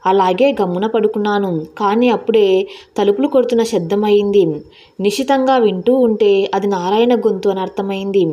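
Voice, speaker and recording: A woman reads a scripted story with emotive, dramatic delivery. Her voice sits at a middle pitch for a woman. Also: normal speed, warm tone, dull audio. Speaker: narrator.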